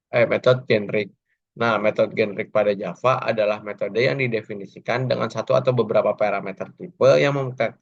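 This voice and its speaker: A young man presents a class assignment, reading slides and filling pauses with hesitant sounds. His voice sits low, husky and a little gravelly. The recording is dull and lo-fi. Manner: reads slides, many hesitant fillers. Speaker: student presenter.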